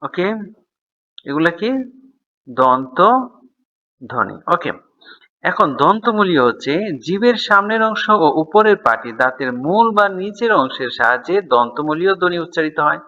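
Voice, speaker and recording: A man's voice: a little high, expressive, normal speed, pauses often, sharp tone, lo-fi sound. A man teaching a school grammar lesson, explaining step by step and answering his own questions.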